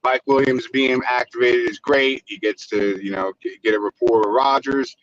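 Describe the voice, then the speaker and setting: A man's voice: mid-range voice, fairly even intonation, normal speed, slight background noise. Man on a dull car speakerphone call. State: driving while on the call. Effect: phone call from a car while driving. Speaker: caller. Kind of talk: casual call-in chat. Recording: dull lo-fi phone line.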